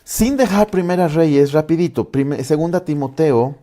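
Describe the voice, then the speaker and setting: A man preaching a sermon as pastor, swinging from loud bursts to hushed lines and acting out doubting voices. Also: a little high, moderate pace. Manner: acts out doubting voices in quotes.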